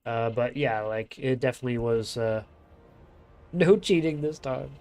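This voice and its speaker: A man's voice: medium pitch, moderate pace, a little mellow. Nasal, stuffed-up man casting a game. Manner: loose and chatty, swears casually, lots of fillers. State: blocked sinuses. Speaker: game caster and streamer. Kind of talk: casual play-by-play game commentary. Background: music playing.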